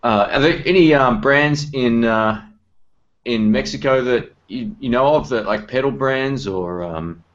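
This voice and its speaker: A man's voice: mid-range voice, measured pace. A man hosting a casual chat about guitar pedals over an online group call. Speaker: host of a live guitar-pedal video chat. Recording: dull, lo-fi online call audio.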